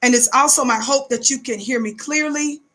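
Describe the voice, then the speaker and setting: Emphatic American woman hosting, higher-pitched voice. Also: brisk, fairly bright tone. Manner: emphatic, repeats phrases in a preacherly call-out way. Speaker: online show host and broadcaster. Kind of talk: livestream talk show monologue addressed to viewers.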